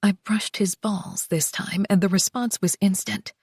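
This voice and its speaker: A woman narrating a first-person romance audiobook, soft and slow, with breathy whispered passages. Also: medium pitch, fairly even intonation, no room sound, studio quality.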